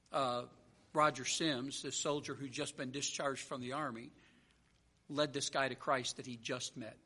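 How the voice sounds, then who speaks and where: A man's voice: fairly high pitch, pushed and bright. A man preaching a sermon, telling a story and then driving home his point with earnest, repeated phrases.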